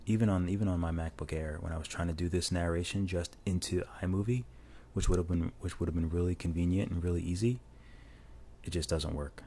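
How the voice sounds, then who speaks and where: Talking a little fast in a low voice, a man gives loose, relaxed voice-over for a drawing tutorial, restarting his sentences often. The audio comes from a lavalier mic attached to a phone.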